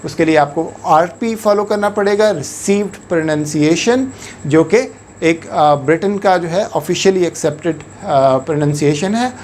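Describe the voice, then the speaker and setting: With a high but darkish-toned voice, this man from Pakistan explains things patiently as an English teacher, frequently switching into English words and phrases. His pace is measured, and there is slight background noise.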